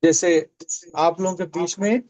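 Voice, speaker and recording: A man's voice: high voice, steady tone, moderate pace, darkish tone, poor audio. A man teaching a Greek class in a classroom, explaining step by step and repeating the key words. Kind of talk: classroom lecture. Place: classroom with a board.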